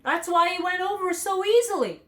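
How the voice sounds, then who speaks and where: A woman's voice: extremely high pitch, animated, moderate pace, pitched above the performer's own voice. A woman voicing a big, cowardly male lion in a children's storybook read aloud. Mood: curious.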